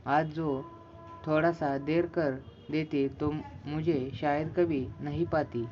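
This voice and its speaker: A man's voice: a little high, fairly even intonation, slow, muffled recording, soft background music. A man voicing a despairing, unemployed young son who speaks with sorrow and self-reproach. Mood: sorrowful.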